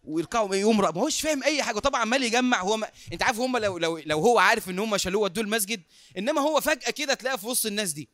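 A man with an Egyptian accent delivers a sermon as a lively story, his voice pitched high and his speech very quick. He acts out the dialogue and laughs often, recorded close and dry with no room echo. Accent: Egyptian Arabic. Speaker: preacher.

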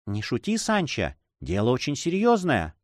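A man reading a story aloud, voicing a frightened young noblewoman who pleads softly and emotionally with her brother. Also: medium pitch, huge pitch swings, moderate pace, no echo, clean studio sound. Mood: worried. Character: anxious young noblewoman, the hero's sister.

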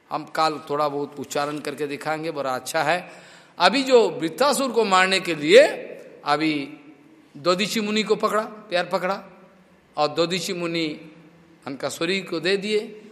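A man with a high voice gives a devotional scripture discourse and tells stories in a chatty, lively way. The sound rings in a hall with a long echo. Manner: chatty storytelling with laughs and acted quotes. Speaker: preacher.

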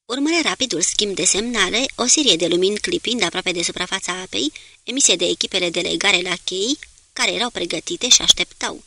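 A woman narrates an audiobook in a measured, even reading. Her voice is bright and forward. The recording is dry and close, with no room sound. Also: fairly low pitch, no echo. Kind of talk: scripted narration.

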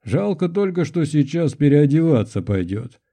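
A proud nobleman count and father, put on by a male audiobook narrator, booming and commanding, pitched higher and louder than the reader's own voice. The tone stays dark and mellow underneath, with a stern, oratorical edge. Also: expressive, measured pace. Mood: jovial. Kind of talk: audiobook character voice.

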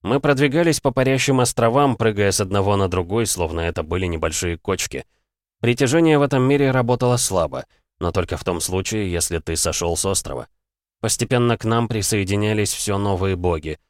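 A man narrating a novel chapter in first person, with a measured, steady reading on a close mic. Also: on the low side, no echo. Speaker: audiobook narrator.

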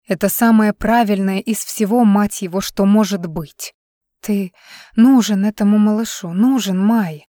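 A woman's voice: medium pitch, a little slow, warm tone, no room sound, studio quality, lightly acted. A woman reading an audiobook, voicing an urgent, insistent man arguing with his lover over the phone. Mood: pleading.

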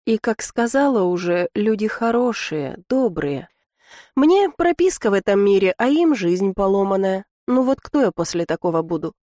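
A woman's voice: mid-range voice, animated, normal speed, warm tone, no echo, studio quality. Wry woman reading a novel aloud. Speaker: audiobook reader. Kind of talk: first-person fiction narration.

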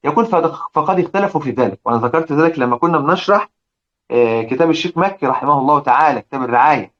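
A man with an Egyptian Arabic accent teaching Quran recitation, slowly repeating example words and often checking that his listeners follow. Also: on the high side, lively intonation, fairly bright tone. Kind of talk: explaining lesson with recited examples. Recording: dull lo-fi recording.

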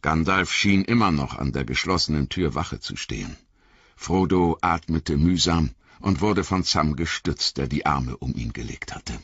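A man with a very deep, husky voice reads an audiobook in a dramatic, expressive way, his pitch swinging widely. The sound is dry, with a bright edge, but slightly dull and lo-fi overall. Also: dry recording. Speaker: audiobook narrator.

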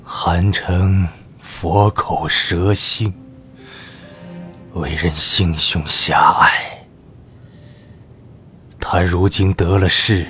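A male actor playing a sick, grieving old court official in a Chinese historical audio drama, his voice hoarse, breathy and raspy, halting and theatrical. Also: fairly low pitch. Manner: theatrical, halting, swinging from whisper to wail. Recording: music under the voice.

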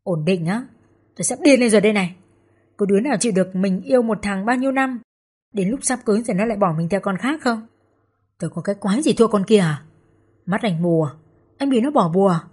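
A woman voicing a jealous, furious young woman who has been jilted, shouting insults. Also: animated, fast talker, breathy edge. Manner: shrill, screaming, insulting.

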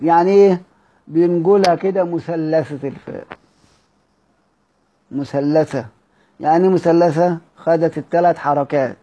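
Egyptian man teaching, chanting verse slowly. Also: a little high, a little mellow, muffled recording. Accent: Egyptian Arabic. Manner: drawn-out chanting of quoted verse, quick asides; asks and answers his own questions. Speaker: teacher explaining a classical Arabic text. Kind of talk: colloquial Egyptian lesson mixing classical quotations.

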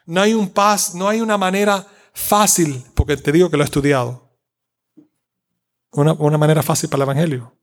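A man's voice: fairly high pitch, a little fast. A man preaching a sermon in a conversational, joking way, slipping in English words and talking to the congregation.

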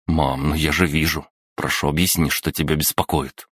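A man's voice: very deep voice, fairly even intonation, normal speed, fairly bright tone, husky, dry recording, clean studio sound, heavily acted. A man reading an audiobook voices an impulsive teenage boy who speaks in an earnest, exclamatory way.

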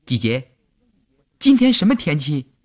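A man's voice: fairly high pitch, sing-song, a little slow, darkish tone, voice pushed up. A man doing a teasing teenage boy soldier.

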